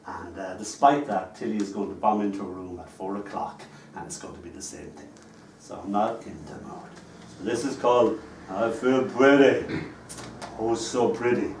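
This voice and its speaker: An Irish poet gives a live reading in a small performance venue, telling wry, chatty stories between poems. His lowish, darkish voice has fairly even intonation and normal speed. The echoey room is picked up from a distance, with a little hiss or hum.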